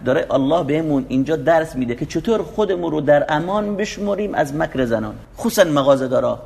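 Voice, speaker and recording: Gravelly-voiced man preaching. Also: mid-range voice, a little mellow. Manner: explains Quranic verses line by line, emphatic and urging. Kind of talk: sermon.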